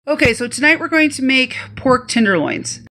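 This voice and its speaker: A middle-aged Midwestern woman and retired chef records a home cooking video on a phone held close in her kitchen, with slight background noise. Her voice is high and her pace moderate. She chats in an animated, instructive way.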